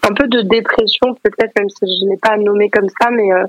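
A woman's voice: mid-range voice, fairly even intonation, a little fast, dry recording, highs cut off. A woman author answering interview questions in a modest, hesitant way, often stammering. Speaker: guest author.

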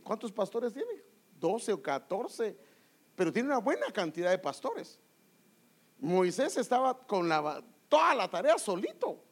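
A man preaching a sermon with emphatic rhetorical questions, often calling his listeners "brother". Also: sits high.

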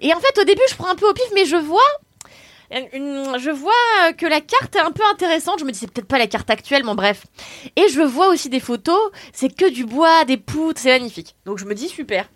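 A young woman telling a travel story on a podcast, animated and slangy, laughing often. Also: high-pitched, a little fast, dry recording. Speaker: podcast co-host. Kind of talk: casual chat, storytelling.

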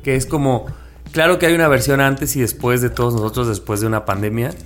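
A man's voice: mid-range voice, steady tone, fast. A man with a Mexican accent, co-hosting a podcast, talking in a reflective, slangy way. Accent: Mexican Spanish. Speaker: podcast co-host. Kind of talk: casual chat.

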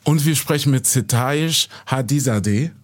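A man hosts a podcast interview. He introduces his guests and asks questions in a friendly, measured way, with a voice at a middle pitch. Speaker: podcast host.

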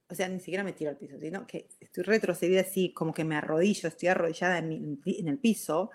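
Emotional woman telling her story. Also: mid-range voice. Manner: emotional, animated retelling with English fillers; frequent "¿ok?" check-ins to the audience. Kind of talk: personal storytelling to viewers.

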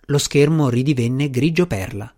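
A man reading a novel aloud as narrator in a steady, literary way. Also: mid-range voice, moderate pace. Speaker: audiobook narrator. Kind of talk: scripted narration.

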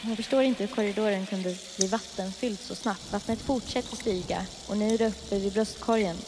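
A woman's voice: mid-range voice, fairly even intonation, long reverb tail, noisy background. Woman narrating a creepy story over sizzling. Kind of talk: improvised horror storytelling.

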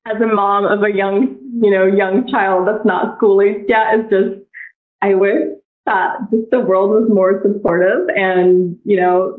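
A woman in her thirties, a podcast guest, speaking in a thoughtful way with frequent fillers and restarts. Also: on the low side. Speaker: guest, bank technology head. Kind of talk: casual podcast interview. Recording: echoey tinny phone-like line.

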